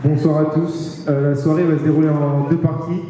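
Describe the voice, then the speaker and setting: A teenage boy co-presenting a school show, announcing hesitantly with many pauses and fillers, in an echoey hall. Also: a little high, flat delivery, mellow, a little hiss or hum. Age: teens. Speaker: event co-presenter. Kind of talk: live stage announcement.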